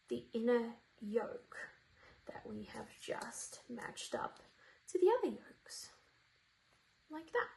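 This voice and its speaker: A woman's voice: sits high, poor audio. A woman hosting a sewing tutorial, chatting informally and playfully as she talks viewers through each step. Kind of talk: informal step-by-step craft demonstration.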